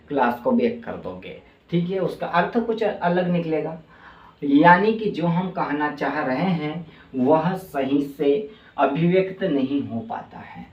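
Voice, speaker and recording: A man's voice: on the high side, lo-fi sound. Male teacher, roomy distant classroom sound. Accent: Madhya Pradesh Hindi. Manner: explains slowly with many fillers and repeats "ठीक है". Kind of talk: online class lesson.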